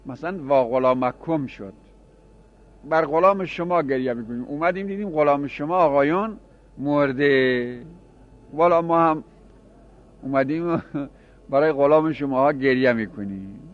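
A man's voice: fairly high pitch, animated, pauses often, muffled recording. A man teaching a grammar class, explaining by repeating examples and asking his students questions.

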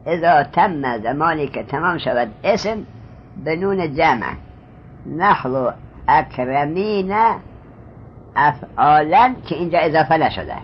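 A man with a somewhat high, animated voice gives an Arabic grammar lesson in Persian, reading lines of Arabic slowly and then glossing them. He explains step by step and often stops to quiz his student, on a dull lo-fi recording with faint background hiss.

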